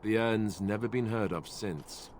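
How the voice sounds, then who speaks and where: A man's voice: lowish voice, measured pace, a little mellow, a little hiss or hum, close to an everyday voice. A man voicing a solemn legend-teller. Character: man recounting an old holy legend, solemn storyteller. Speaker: game character.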